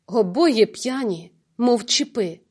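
A woman's voice: a little high, animated, slow, darkish tone, husky, heavily acted. Spiteful drunk male neighbor, read by a woman, jeering, quarrelsome, audiobook. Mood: contemptuous. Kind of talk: audiobook reading.

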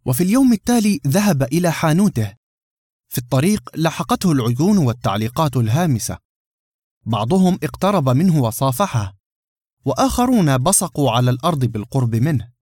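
A man narrating a novel as an audiobook, in a measured, expressive reading. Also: fairly high pitch, no room sound, studio quality.

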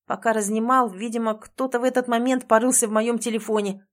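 A woman's voice: on the high side, steady tone, a little fast, close to an everyday voice. A woman reading an audiobook and voicing a young man who insists and pleads heatedly with his girlfriend. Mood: heated, pleading.

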